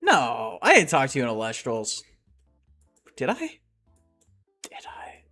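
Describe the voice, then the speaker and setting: A young man streaming a game and chatting casually with his live chat, rambling and excitable and often laughing. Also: medium pitch, takes it slowly, soft background music.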